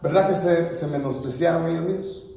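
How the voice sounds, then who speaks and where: A man's voice: a little high, a little fast, dark tone. A pastor preaching a sermon, full of rhetorical questions and quoted voices of his congregation. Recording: echoey hall, mic far off.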